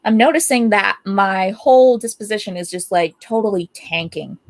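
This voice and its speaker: A young adult woman, a guest artist, telling animated and upbeat stories about her life in a casual interview. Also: medium pitch, normal speed, no room sound.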